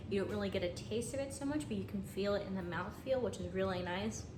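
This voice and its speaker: A woman's voice: mid-range voice, fast. A woman giving a casual cooking vlog walkthrough from her home kitchen in a friendly, chatty way. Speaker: home cook. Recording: echoey room, voice from a distance, noisy.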